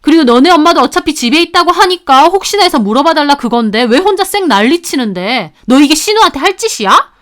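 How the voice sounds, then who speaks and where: A woman's voice: sits high, animated, fairly quick. A woman doing a shrieking rude sister-in-law. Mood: furious. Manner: abusive, yelling.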